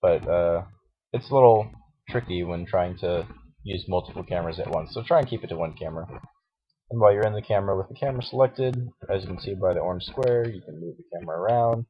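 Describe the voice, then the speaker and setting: Low, groggy man on a lo-fi mic. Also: quick pace, husky. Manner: hesitant, many fillers and restarts. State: groggy morning voice. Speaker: tutorial host. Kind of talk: casual screen-recorded software tutorial. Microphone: cheap computer microphone. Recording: dull lo-fi mic with faint hiss and mouse clicks.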